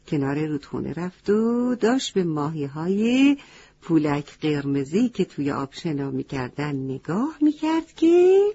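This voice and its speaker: A woman telling a story to children. She talks gently and keeps asking her young listeners questions. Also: lowish voice, breathy edge. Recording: dull lo-fi recording.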